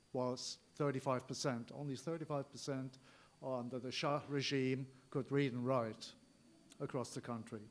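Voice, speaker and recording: A man from Turkey with a Turkish accent gives an informal political speech, halting at times and repeating key points for emphasis. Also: mid-range voice. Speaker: rally speaker.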